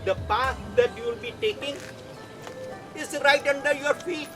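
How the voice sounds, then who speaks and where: A man's voice: extremely high pitch, fairly even intonation, moderate pace, over music. A man playing a dim-witted fortune-telling gatekeeper of the veil, grandiose and comically earnest, in a live show. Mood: grand, mystical. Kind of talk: improvised comic live performance.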